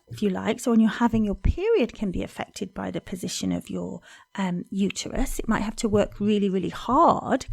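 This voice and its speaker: A woman hosting a podcast, explaining in a calm, informative monologue with frequent ums. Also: medium pitch, gravelly, no room sound. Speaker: fertility podcast host.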